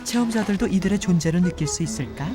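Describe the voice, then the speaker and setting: Female mystery narrator over loud music. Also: lowish voice, expressive, quick pace. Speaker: documentary narrator. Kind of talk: scripted mystery-show narration. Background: loud background music.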